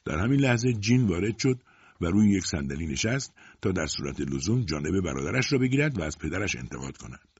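Husky, lively male audiobook narrator. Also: sits low, no room sound, muffled recording.

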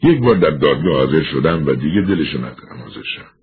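A man voicing a weary middle-aged man who has confessed to a killing, speaking quietly and resigned. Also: very deep voice, lively intonation, slightly rough, exaggerated voice. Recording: tinny narrow-band recording.

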